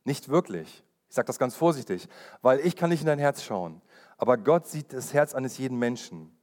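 An earnest male pastor preaching to his congregation at a pitch typical for a man. He hammers his points home by repeating key phrases, and he leans into personal testimony with urgency. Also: expressive, normal speed, darkish tone. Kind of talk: sermon.

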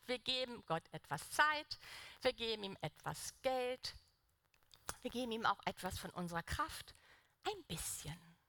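A woman's voice: fairly high pitch, a bit bright, no room sound, studio quality. A young woman preaching a sermon in an earnest, conversational way, putting direct questions to the congregation.

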